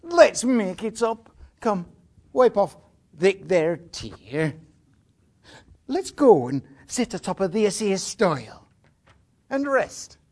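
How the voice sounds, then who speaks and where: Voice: medium pitch, big pitch swings, slow pace, long pauses, darkish tone, heavily acted. A performer playing a jealous young man, reciting a dialect verse dialogue with a blustering, reproachful manner. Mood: coaxing. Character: young male country lover, jealous and hot-tempered.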